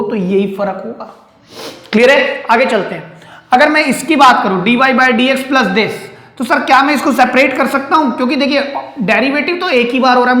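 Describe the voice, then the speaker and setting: A woman's voice: fairly high pitch, a bit bright, reverberant. A woman teaching a math lesson, explaining each step and often checking whether her students follow.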